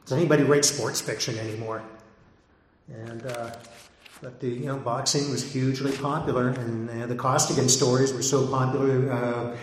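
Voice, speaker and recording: A man gives a loose, digressive talk as a pulp fiction collector, pausing and hesitating often. His voice sits in an ordinary middle register. The sound is very echoey, with a long reverb tail from a large hall. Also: mid-range voice, steady tone, a little hiss or hum. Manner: rambling and digressive, with many hesitations. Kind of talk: informal talk to an audience.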